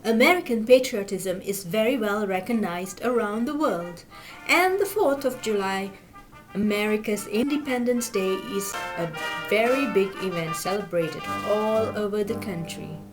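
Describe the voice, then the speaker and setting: A woman from Malaysia, giving scripted voice-over narration in a measured, explanatory way. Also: mid-range voice, expressive, music in the background, rough recording. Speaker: video narrator.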